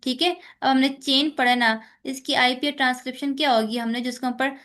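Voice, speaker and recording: A woman's voice: high voice, steady tone, a little fast, fairly bright tone. A woman with a Pakistani accent giving an exam-focused lecture, mixing English terms into her speech with frequent fillers. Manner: mixes English terms into Urdu, many fillers. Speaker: teacher.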